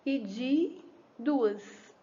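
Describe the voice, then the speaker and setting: A woman's voice: high voice, dark tone, highs cut off. A woman teacher giving a patient lesson explanation to young children, asking questions and answering them herself. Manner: slow, patient, asks and answers own questions.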